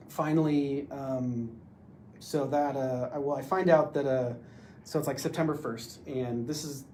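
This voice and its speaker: A man's voice: medium pitch, warm tone, slight background noise. A man telling his own story as a podcast guest, rambling with lots of filler words. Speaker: podcast guest, door-to-door salesman. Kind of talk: casual storytelling.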